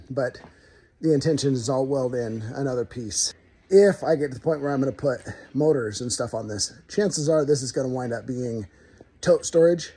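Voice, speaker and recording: In his home garage, a DIY car-building vlogger rambles slightly while chatting straight to camera about his car project. His mid-range voice is husky with a dark tone.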